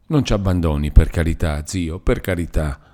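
A man's voice: low-pitched, expressive, moderate pace, mellow. A man voicing a timid young woman who pleads with her uncle, close to tears, in an audiobook reading. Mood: pleading. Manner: trembling, on the edge of tears.

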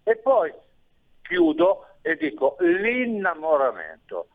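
A man's voice: high-pitched, huge pitch swings, slow, gravelly. A man calling in to a radio show, speaking over a phone line in a rambling, hesitant way with many restarts. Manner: rambling, hesitant, self-correcting. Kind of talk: call-in comment on a radio show.

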